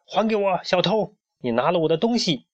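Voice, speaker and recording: A wrathful pharaoh spirit in a children's storybook, barking loud demands, as a male storyteller puts him on. The sound is dry and lo-fi, with no room around it. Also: mid-range voice, a little slow, no room sound, close to an everyday voice. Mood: furious. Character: angry floating male pharaoh spirit, stern and vengeful. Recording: dull lo-fi recording.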